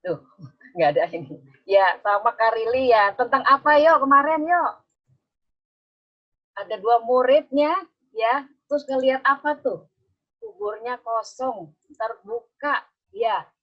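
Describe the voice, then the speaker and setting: Woman, children's storyteller, coaxing questions, video call, slightly high voice, dull lo-fi sound. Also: a little slow, pauses often. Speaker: Sunday school teacher.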